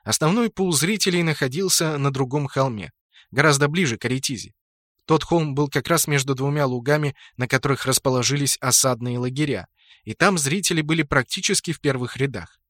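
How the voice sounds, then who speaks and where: A man reading a first-person fantasy audiobook in a steady, lightly ironic storytelling manner. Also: mid-range voice, fairly quick, no echo, studio quality. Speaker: audiobook narrator.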